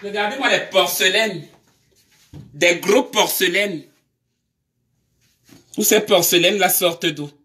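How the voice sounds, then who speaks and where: A woman's voice: lowish voice, slow pace, pauses often, a bit bright. A woman, scolding her commenters during a live stream with confrontational rhetorical questions.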